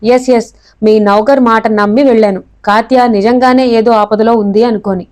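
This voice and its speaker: A woman's voice: fairly high pitch, steady tone, normal speed, a little mellow, close to an everyday voice. A woman reading the part of a male police inspector in an audiobook, raising her voice a little for him. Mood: defensive. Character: police inspector man, defensive, reporting back.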